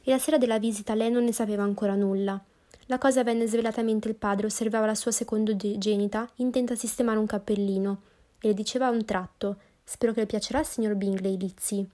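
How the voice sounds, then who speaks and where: A woman narrating a classic novel as an audiobook, reading calmly and evenly. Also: medium pitch, quick pace.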